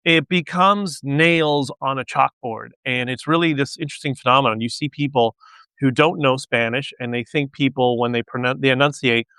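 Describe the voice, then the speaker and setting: A man with a smooth, resonant voice hosts his own livestream, drifting from thought to thought in a loose, casual monologue. The sound is dry and close, with no room echo. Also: mid-range voice, normal speed, pushed and bright. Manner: rambling, digressive, with many restarts. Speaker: podcast host.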